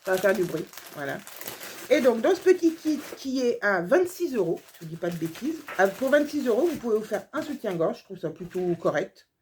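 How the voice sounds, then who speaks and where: A woman's voice: mid-range voice, big pitch swings, fairly quick, darkish tone, slight background noise. A woman sewing vlogger chatting casually through a haul video, gushing over small details with lots of fillers.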